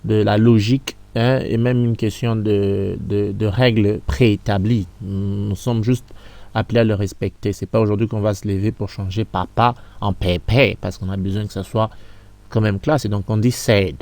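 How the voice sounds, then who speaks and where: A man teaching English reading in French, repeating sounds and words slowly for learners to copy. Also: fairly low pitch, fairly even intonation, creaky, a little mellow. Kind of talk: French-language pronunciation lesson.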